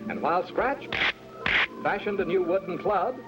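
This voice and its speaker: A man's voice: high-pitched, expressive, moderate pace. A man playing an earnest, dramatic storyteller, narrating a children's adventure in vintage 1950s cartoon style. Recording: dull vintage cartoon soundtrack with music.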